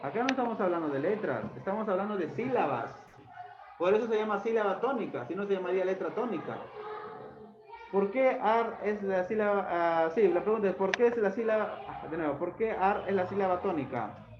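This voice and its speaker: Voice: mid-range voice, expressive, a little fast. A teacher questioning pupils one by one in a classroom lesson, strict and insistent. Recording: roomy dull recording, clear background noise.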